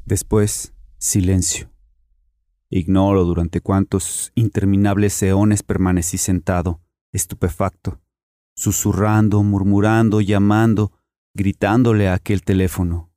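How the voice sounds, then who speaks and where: An actor narrating as a haunted man recounting a horror, with grave, measured horror storytelling. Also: sits low, little pitch movement, warm tone, dry recording, clean studio sound. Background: music.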